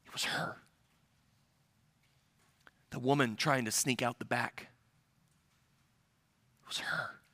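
A calm teacher's voice, dropped low and nearly whispered, insistent and intent, as a preacher puts him on. The sound is close and dry. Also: male voice, moderate pace, few pauses, no room sound, natural voice. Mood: hushed intent. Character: calm, insistent male teacher speaking quietly.

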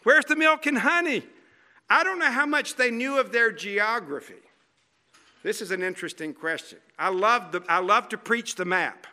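Dramatic, bright-voiced male preacher. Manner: dramatic, animated storytelling with rhetorical questions; drops to a quiet, slow, low voice for emphasis. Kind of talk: sermon.

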